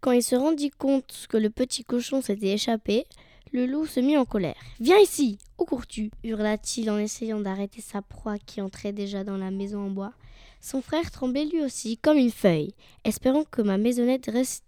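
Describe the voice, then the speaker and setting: A woman reading a fairy tale aloud in a calm, steady storybook style. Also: a little high, normal speed, no echo, clean studio sound. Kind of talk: storybook narration.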